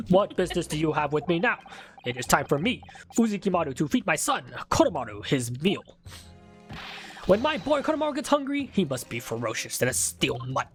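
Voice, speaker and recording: A very old shopkeeper from a video game, played by a man reading aloud, speaks in a halting, repetitive way. He is frail, easily flustered and long-winded, with faint music behind him. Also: on the high side, very animated, fairly bright tone. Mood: solemn.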